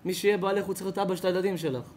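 Rabbi, high-pitched, passionate preacher; surges to loud emphasis, then sinks to soft, personal storytelling. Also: male voice, fairly even intonation, a little hiss or hum. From Israel. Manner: impassioned, swells loud on key phrases, then drops quiet and intimate. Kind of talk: ethics sermon to a congregation. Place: lecture before a live audience.

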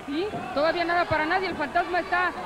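A woman with a Mexican accent giving animated, opinionated live commentary as a wrestling commentator. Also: very high voice, fast talker. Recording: noisy TV broadcast, loud arena crowd. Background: loud crowd and arena noise.

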